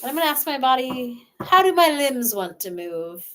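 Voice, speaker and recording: Pitched high and sing-song, a woman leads a gentle, slow relaxation exercise in the first person, pausing for breaths and sighs.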